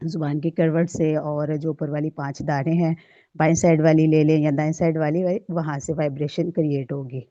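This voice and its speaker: Woman teacher going over letter sounds slow and careful, dull lo-fi sound, dry. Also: low-pitched, level tone, warm tone, no room sound. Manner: demonstrates letter sounds slowly, often checks understanding. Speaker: Quran recitation teacher. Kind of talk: recorded tajweed lesson.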